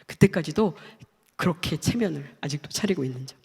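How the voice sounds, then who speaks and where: A middle-aged woman giving a heartfelt testimony at a church, speaking earnestly in short listed phrases that sometimes fall to a hush. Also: low-pitched, lively intonation, a little fast, vocal fry, husky, in a large hall. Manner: earnest, stacks short listed phrases, drops to hushed tones. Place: church hall.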